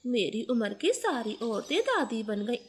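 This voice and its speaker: Lady voicing a nagging old mom-in-law bird, sharp tongue, cartoon story. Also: fairly high pitch, big pitch swings, unhurried, a little hiss or hum. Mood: taunting. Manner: harsh, taunting, sharp-tongued. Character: bitter, scolding old mother-in-law bird.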